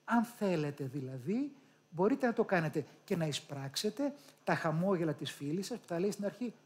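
A Greek man with a Patras accent speaks to a live audience in a room, coaching them on public speaking. He is animated and addresses the listeners directly. He sounds out pronunciations aloud as he teaches. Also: sits high. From Greece.

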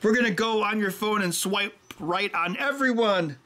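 At the workbench, a middle-aged electronics maker who hosts a show gives a chatty explanation of his soldering, sliding into joking tangents. His voice sits high with a sharp tone, at normal speed.

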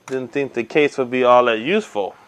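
An easygoing man narrates a hands-on tech demo at a table by the window. His voice sits in an ordinary middle range, and he walks through each step slowly with plenty of ums and uhs, as heard through a camera mic. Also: medium pitch, a bit bright. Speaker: tech reviewer. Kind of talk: casual hands-on product demo. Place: indoors at a table by window blinds.

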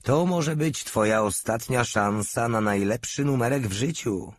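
A man's voice: mid-range voice, measured pace, dry recording, clean studio sound, voice pushed up, close to an everyday voice. A man voicing a brash, lecherous male soldier who talks with crude swagger. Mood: cocky leering. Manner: cocky, swaggering and leering.

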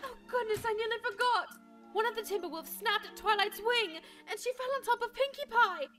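A woman's voice: extremely high pitch, fairly quick, bright, forceful tone. A woman with a British accent voicing a frantic young pony mare, breathless and urgent. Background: music.

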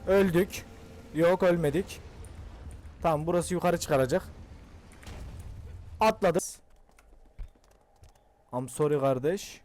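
An excitable young man talks through his gameplay, cursing and pleading with the characters on screen. His voice sits high for a man. Faint noise runs under the recording. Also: takes it slowly, pauses often. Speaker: gaming channel host. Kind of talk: casual gameplay commentary.

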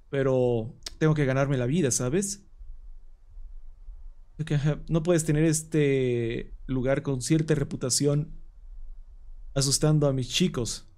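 A blunt middle-aged bartender, as a man reads him, speaks plainly and unhurried. He is wary and matter-of-fact with a customer. It is a horror game read-along. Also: medium pitch, warm tone, close to an everyday voice.

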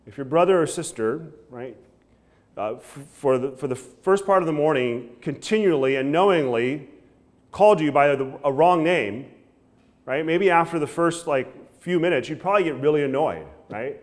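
A pastor in his thirties preaches at a wooden pulpit in a church sanctuary, with a slightly high voice. His pitch swings widely as he gestures and drops to low endings on key phrases, often checking in with "right?". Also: normal speed. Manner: animated preaching with frequent "right?" asides and hand gestures. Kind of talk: sermon.

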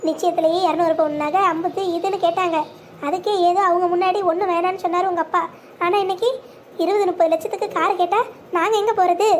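A woman's voice: very high-pitched, darkish tone, slight background noise. A woman voicing a proud, heartbroken young bride in a cartoon, bitter and resolute.

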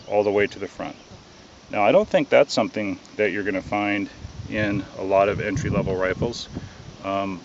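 Male reviewer, lowish voice, relaxed and halting, dull lo-fi outdoor audio with faint crickets. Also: noisy background. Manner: relaxed, hesitant, many ums and uhs. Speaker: gun reviewer. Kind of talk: casual product review.

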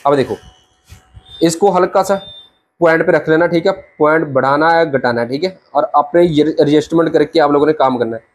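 A man's voice: a little high, fairly quick. A young man, a barber, teaching a haircut step by step to camera in a small shop, chatty and brotherly, speaking on a lapel mic. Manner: chatty, brotherly, keeps saying "theek hai". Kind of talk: hands-on tutorial talk to camera. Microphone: clip-on lapel mic.

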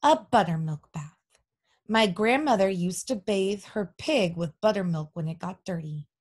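A woman's voice: medium pitch, lively intonation, unhurried, darkish tone. A woman doing a bossy, determined farm wife. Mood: insistent. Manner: bossy and insistent.

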